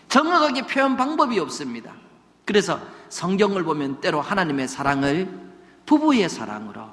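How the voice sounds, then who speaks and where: Animated preaching man, lively pitch. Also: big-room sound. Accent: Gyeongsang Korean. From Gyeongsang region, Korea. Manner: animated preacher, mimics regional dialects for humor. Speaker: senior pastor. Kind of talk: sermon.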